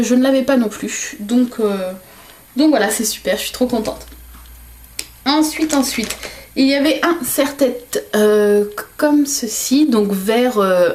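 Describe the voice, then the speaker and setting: A woman vlogger chatting casually while unboxing gifts, hesitant and full of fillers. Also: fairly high pitch. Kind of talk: casual gift unboxing vlog.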